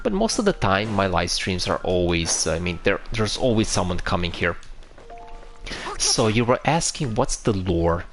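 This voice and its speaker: A low-voiced Romanian man with a Romanian accent chats casually on a live stream. He answers viewers and explains a game that he keeps restarting.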